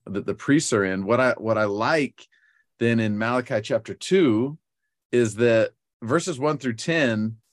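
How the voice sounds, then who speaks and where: A man co-hosting a casual scripture teaching discussion, thoughtful and halting, with many restarts. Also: medium pitch, no echo, clean studio sound.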